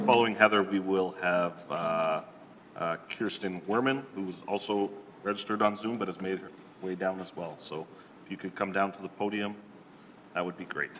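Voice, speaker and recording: A man chairing a public committee meeting, calling up speakers in a measured, procedural way with hesitant fillers. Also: low voice, fairly bright tone. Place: large council chamber. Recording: long reverb of a council chamber, faint room hum.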